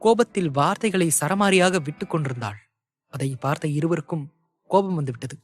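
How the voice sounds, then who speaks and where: Man narrating an audio novel. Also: fairly high pitch. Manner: steady, measured storytelling. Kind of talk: scripted story narration.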